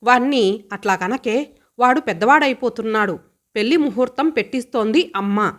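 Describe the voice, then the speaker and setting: A woman's voice: fairly high pitch, moderate pace, fairly bright tone, natural voice. Female reader as mild middle-aged mother, soothing, lightly teasing. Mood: gentle.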